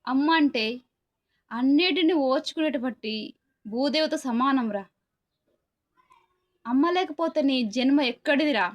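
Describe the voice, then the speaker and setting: High-voiced woman in a scolding rant. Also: unhurried, long pauses. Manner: scolding, preachy, repetitive rhetorical questions. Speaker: commentator. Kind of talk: angry moral rant to camera. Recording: dull lo-fi sound.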